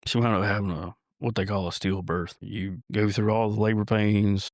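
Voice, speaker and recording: A lowish male voice, recounting his story as a podcast guest. He talks haltingly, stopping and restarting often. The sound is dry and close, with no room echo. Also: steady tone. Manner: halting, with many restarts and fillers. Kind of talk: personal storytelling in an interview.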